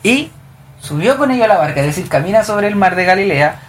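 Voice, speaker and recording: Talking fast with lively intonation in a mid-range voice, this woman guides a Bible study group. She reads verses out, explains the scripture, and asks the group questions, with a little hiss or hum in the background.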